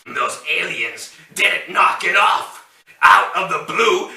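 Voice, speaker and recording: A scheming cartoon flying-reptile robot impression. He draws out his rhymes in a creaky voice that leaps about in pitch. The room echoes around him. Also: bright, forceful tone, full character voice. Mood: bitter, ranting. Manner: switched-in cartoon impression voice, dramatic drawn-out rhyming. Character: ambitious male pterodactyl robot, power-hungry plotter. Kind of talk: theatrical character poem recital. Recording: roomy echo, distant mic.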